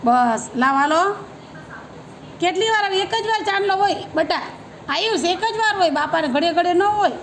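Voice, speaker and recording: A woman's voice: very high-pitched, animated, normal speed, a bit bright, a little hiss or hum, rough recording. A woman guides a child through a home worship ritual, coaxing and directive, repeating short commands. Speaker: family member guiding a child's worship.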